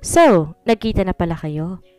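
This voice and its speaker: A woman's voice: lowish voice, expressive, measured pace, clean tone, no room sound, faint music behind. A woman voicing a nosy, playful woman friend. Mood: teasing. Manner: teasing, bright questions. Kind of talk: storybook reading.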